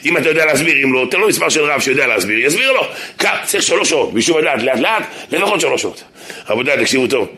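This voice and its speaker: A man who is a rabbi, giving a humorous Torah lesson in a synagogue. He speaks animatedly and jokes, swinging between loud shouts and low asides. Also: sing-song.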